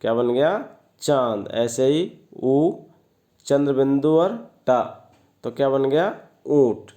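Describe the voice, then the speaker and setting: Slow, patient man teaching children. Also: mid-range voice, mellow. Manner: slow, patient, repeats questions and answers. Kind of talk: worksheet lesson for children.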